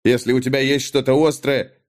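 A man voicing a gentle, timid male wizard who speaks softly and politely. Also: medium pitch, little pitch movement, brisk, lightly acted.

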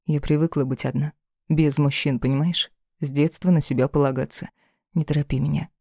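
A woman's voice: deep voice, fairly even intonation, brisk, warm tone, dry recording, studio quality. A reader voicing a proud, cool young woman. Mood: quiet.

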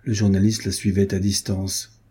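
A man narrating a nineteenth-century novel as an audiobook reader, raising his pitch for the characters' dialogue. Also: completely flat delivery, moderate pace, dark tone, slightly rough.

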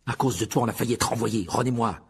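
A man voicing a young boy wizard in an audiobook drama, asking sharp, demanding questions. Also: medium pitch, sing-song, fast talker, a little hiss or hum.

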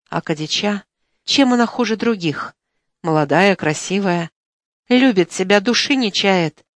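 A woman narrating a first-person audiobook in a measured, even storytelling voice, recorded in a studio. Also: medium pitch, no echo.

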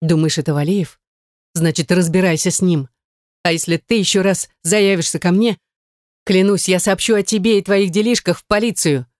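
A woman's voice: lowish voice, moderate pace, darkish tone, no echo, close to an everyday voice. A woman voicing a young woman who is frightened and indignant, desperate and close to tears.

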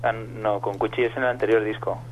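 A man's voice: fairly low pitch, steady tone, a little fast, a crowd in the background. A man from Madrid calling in to a radio show, telling stories in slangy, casual chat with casual swearing, heard over a dull phone line. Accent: Madrid Spanish. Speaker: caller.

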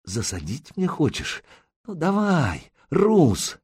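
A man voicing a bold young female captive who mocks her captor in a sharp, taunting way. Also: a little high, huge pitch swings, takes it slowly, slightly rough, voice pushed up, exaggerated voice.

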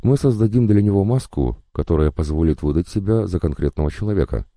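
A man voicing a cunning male professor and inventor, speaking softly and almost kindly. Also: sits low, lively intonation, fast, no echo, voice pushed up. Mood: calm, assured. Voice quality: soft, almost kind.

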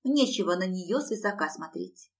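A woman voicing a cheeky young female guitarist who answers loudly and boldly. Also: lowish voice, lively intonation, moderate pace. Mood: cocky. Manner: loud, cocky retorts.

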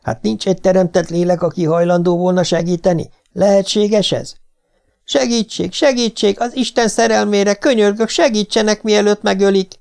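Panicked young man crying for help, high frantic pleading, put on by a male narrator. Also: steady tone, creaky, darkish tone, clean tone. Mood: desperate screaming. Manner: desperate shrieking pleas.

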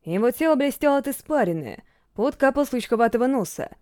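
Woman narrator for a fantasy audiobook, mellow tone, measured delivery, dry close sound. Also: high-pitched, animated, no echo.

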